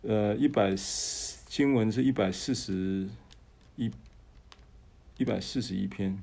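A man's voice: lowish voice, slow, vocal fry. A man preaching as a pastor. He shares a personal testimony, addresses the listeners directly, and often stumbles and restarts his words. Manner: animated storytelling, frequent stammered restarts.

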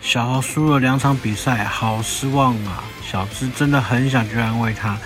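A man's voice: mid-range voice, steady tone, normal speed. A man hosting a bedtime story show for children, coaxing and asking the kids questions. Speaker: storyteller host. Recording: music behind.

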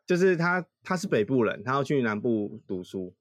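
A man tells a story on a podcast in a relaxed, teasing way. His voice sits at a middle pitch and is recorded dry and close, with no room sound. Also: normal speed, no room sound. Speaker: podcast co-host. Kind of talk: casual storytelling chat.

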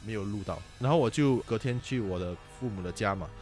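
一位新加坡口音的年轻男子，用夹杂英文的华语随意地讲鬼故事。. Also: male voice, lowish voice, fairly quick, faint music behind. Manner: animated, mixes English words into Mandarin. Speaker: podcast guest storyteller. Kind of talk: casual ghost-story chat.

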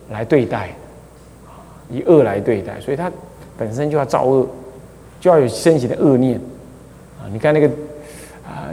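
A man's voice: medium pitch, mellow. Monk guy giving a dharma class, lots of "ah" fillers, chuckly, voice rings in a big reverby hall. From Taiwan. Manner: chatty, full of drawn-out "ah" fillers, chuckles at his own anecdotes. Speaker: Buddhist abbot teaching a class on the precepts. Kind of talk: dharma lecture explaining a scripture.

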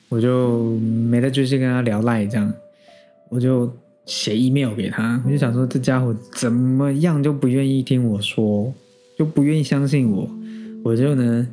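A man in his thirties from Taiwan with a Taiwanese Mandarin accent, hosting a podcast and telling a personal story in a candid, animated way full of asides. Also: mid-range voice. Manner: candid, animated, exasperated storytelling with frequent self-asides and laughs. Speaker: podcast host.

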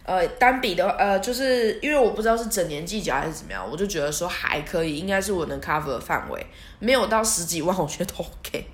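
A woman's voice: on the low side, expressive, fast talker. A young woman, hosting a podcast and telling a story in a chatty, self-mocking way. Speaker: podcast host. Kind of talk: casual storytelling monologue. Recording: echoey room.

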